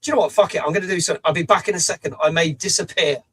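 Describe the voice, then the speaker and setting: A middle-aged man hosts a live stream from a small home studio, his voice rough, raised, on the high side and fairly bright. He talks rapid-fire, chatting loosely, reading out viewers' messages and swearing casually.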